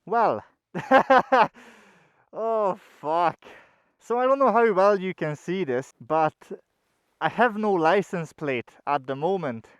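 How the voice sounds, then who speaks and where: A man with a fairly high-pitched voice talks casually to his viewers from inside a motorcycle helmet. His speech is informal and peppered with swearing, in the unscripted way of a motovlog. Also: animated, slow pace, fairly bright tone, clean tone, no echo, lo-fi sound. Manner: swears often. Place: outdoors on a motorbike and at the roadside.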